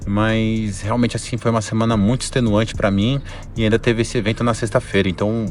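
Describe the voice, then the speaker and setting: A Brazilian man hosts a casual vlog in a fairly low voice. He sounds hungover and worn-out as he explains things informally. There is clear noise behind his voice. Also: level tone, a little fast. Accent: Brazilian Portuguese. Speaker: video channel host.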